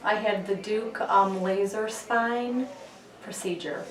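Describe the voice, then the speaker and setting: A woman's voice: medium pitch, steady tone, takes it slowly. A woman giving brief, agreeable answers as a patient in a casual testimonial interview. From United States, Chicago area. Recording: distant mic in echoey room.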